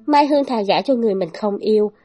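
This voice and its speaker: A woman narrates a dramatic old-time tale in a steady, measured storytelling voice at a middle pitch. Soft guitar music plays faintly underneath.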